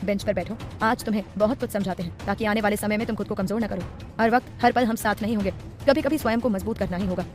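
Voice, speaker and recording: A woman voicing an intense, protective adult man in an audiobook, calm, tender and firm. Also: medium pitch, quick pace, soft background music, natural voice. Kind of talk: audiobook character voice.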